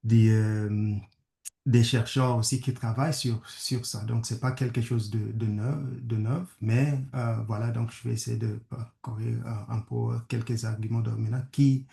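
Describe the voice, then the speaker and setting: A French man from Kenya, English-speaking from birth, guest-lectures on conflict studies in a hesitant webinar. The gravelly voice is mid-range, dark and steady, broken up by halting fillers and restarts. Sound comes through a video call in an echoey room.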